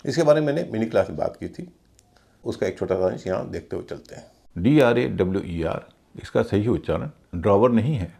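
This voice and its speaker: A man teaching English pronunciation, slowly spelling out words letter by letter and repeating each one. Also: on the low side, expressive, gravelly, dark tone.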